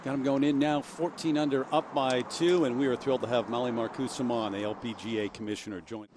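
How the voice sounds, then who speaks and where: A man's voice: mid-range voice, steady tone, quick pace. A man giving live play-by-play as a golf commentator. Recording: clearly noisy outdoor broadcast.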